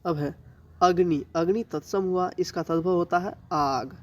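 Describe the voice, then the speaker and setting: A male teacher with a Bihari accent giving an exam-prep grammar lesson, listing items slowly and answering his own questions. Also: high-pitched, fairly even intonation. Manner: slow, drawn-out listing with rhetorical questions he answers himself.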